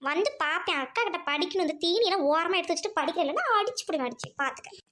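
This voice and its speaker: A woman's voice: extremely high pitch, expressive, racing, a bit bright, a little hiss or hum. A woman playing a strict mother who scolds and threatens her children in a comedy skit. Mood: scolding.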